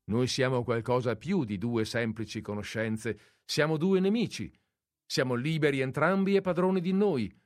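A man reading aloud and voicing a sharp-tongued, flirtatious society lady in a mocking, teasing tone. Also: normal speed, no echo, studio quality, close to an everyday voice. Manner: mocking and teasing, raised pitch.

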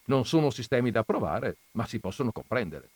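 Brief: male reader as Christ on the cross, stern but patient, lively emphatic scolding, storybook. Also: mid-range voice, fairly quick, slightly rough, no room sound. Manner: admonishing, raised and emphatic. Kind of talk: dramatized audiobook reading.

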